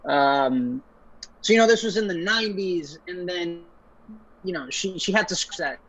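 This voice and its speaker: A man's voice: high-pitched, normal speed, fairly bright tone. A young man from Ecuador, raised in Puerto Rico, giving a casual webinar talk as a guest engineer. He speaks earnestly and loosely, with frequent fillers and restarts. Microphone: video call. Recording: muffled video-call audio.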